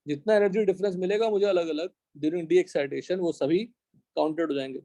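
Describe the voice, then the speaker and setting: A high-pitched young Indian man teaching chemistry in class. His voice is mellow and dry, without room echo. He explains step by step and often stops to check whether the students have understood. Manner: dictates slowly in English. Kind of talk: live classroom lecture.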